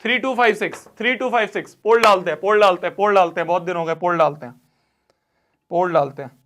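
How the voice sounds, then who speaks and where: A young man with a high voice runs a live online math class. He speaks, repeats his points, and alternates between scolding the students and pleading with them. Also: quick pace, fairly bright tone. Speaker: math teacher.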